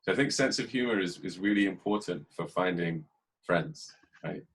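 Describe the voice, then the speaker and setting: English man, podcast host, low voice, slightly husky, dry even delivery, casual talk. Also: normal speed, rough recording. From England. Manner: dry, keeps an even tone when joking. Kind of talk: casual conversation.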